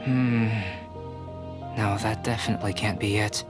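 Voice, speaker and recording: A man voicing Albedo, a calm, curious young alchemist who talks in measured, polite scholarly phrasing. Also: lowish voice, lightly acted. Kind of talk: video game voice acting. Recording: game audio with clear background music.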